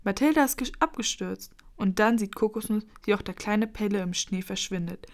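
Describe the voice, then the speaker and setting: A woman reading a children's story aloud in a lively, expressive way. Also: mid-range voice, normal speed.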